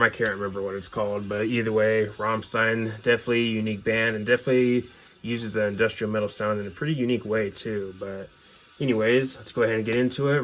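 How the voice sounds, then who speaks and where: Going through his music collection in a casual show-and-tell, a man with a lowish, slightly bright voice talks the way an opinionated fan would, loose and informal.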